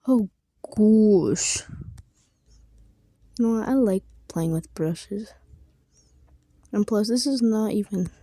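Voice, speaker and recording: Drawing as she talks, a young creator of drawing videos keeps up a soft, self-deprecating chat that often drops into a half-whisper. Her pitch is medium, and the recording is dry.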